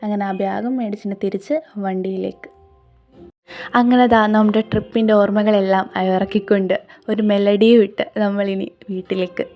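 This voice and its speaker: A woman's voice: mid-range voice, little pitch movement, moderate pace, mellow. A woman with a Kerala accent narrating a travel vlog in a casual voice-over, mixing English words into Malayalam. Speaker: travel vlogger. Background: music.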